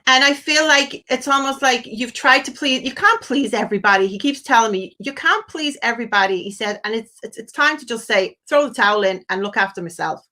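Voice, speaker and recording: On a live phone-in, a psychic medium speaks briskly with hardly any pauses in a bright, forceful, higher-pitched voice. She showers the caller with endearments and blessings while relaying messages in quoted asides.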